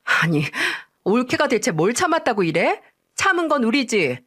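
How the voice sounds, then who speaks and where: A woman voicing a sharp-tongued, spiteful young sister-in-law. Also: on the high side, sing-song, moderate pace, voice pushed up. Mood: snapping. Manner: snippy, spiteful.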